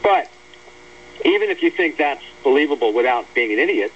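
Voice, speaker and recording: A fairly high, somewhat bright male voice, animated and fairly quick, belongs to an American guest on a talk radio show. Discussing his own article, he argues political points bluntly and emphatically. The recording is dull, lo-fi radio audio with a faint hum.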